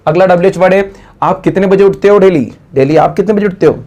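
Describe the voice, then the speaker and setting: A man with an Indian accent teaching an English grammar lesson in class. He explains things quickly and then says the English sentences slowly and clearly. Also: high voice, a little mellow, lo-fi sound. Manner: speaks directly to the students and prompts them to translate.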